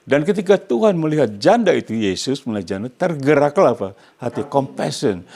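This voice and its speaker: An older Indonesian pastor with an Indonesian accent preaches a sermon to his congregation emphatically, often prompting them with questions so they complete his phrases. His voice is medium in pitch, very animated, fairly quick, and warm in tone.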